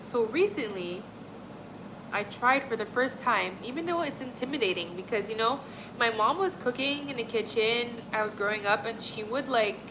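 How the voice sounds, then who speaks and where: She's a young woman from Montreal, Canada, hosting a livestream and chatting loosely with viewers in the chat. Her fairly high voice is expressive and goes at a normal speed. Her friendly rambling is full of "like" and "honestly," and the background is noisy.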